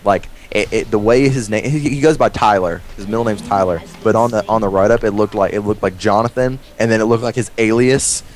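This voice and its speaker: Speaking a little fast with few pauses, a young man in a voice on the low side casually tells a story over gameplay. His retelling rambles, swears freely and acts out the dialogue with animation.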